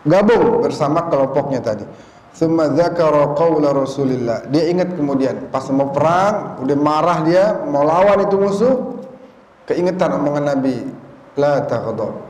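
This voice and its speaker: Lively preacher in an echoey hall. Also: male voice, on the high side, slight background noise. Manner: lively storyteller, acts out quoted characters, quotes Arabic. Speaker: religious teacher. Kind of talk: mosque study sermon with storytelling. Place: mosque hall. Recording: echoey hall with faint ambience.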